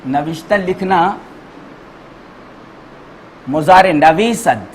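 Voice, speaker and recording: Teaching a grammar class, a man repeats each word slowly and spells out the letters and vowel marks for his students. His voice is a little high, and the rough recording carries some hiss or hum.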